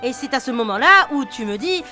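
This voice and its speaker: Bright, chatty woman narrating a game review. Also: sits high, lively intonation, brisk. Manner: chatty, addresses the viewer directly. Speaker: YouTube host and narrator. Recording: narration with music bed. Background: music.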